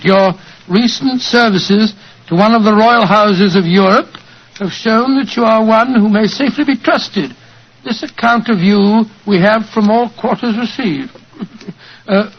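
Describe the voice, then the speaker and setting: A muffled 1940s radio drama recording carries a genial older English doctor. His voice sits high for a man. He is avuncular and hearty, a loyal friend with old-fashioned turns of phrase. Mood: puzzled, curious.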